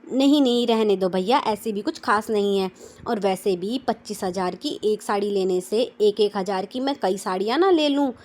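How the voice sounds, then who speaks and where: A woman voicing a middle-aged mother who scolds in a brisk, nagging way. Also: medium pitch, a little mellow, close to an everyday voice. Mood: scolding.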